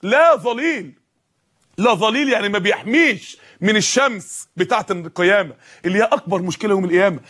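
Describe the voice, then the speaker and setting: A man's voice: high-pitched, very fast, fairly bright tone. A man preaching a sermon with an Egyptian Arabic accent, impassioned and full of rhetorical questions.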